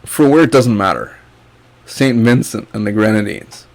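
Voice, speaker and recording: An online income YouTuber from Guyana, his voice lowish, gravelly, and at normal speed, walks viewers through a screen share. He rants casually and bluntly, mocking what he finds and cursing freely.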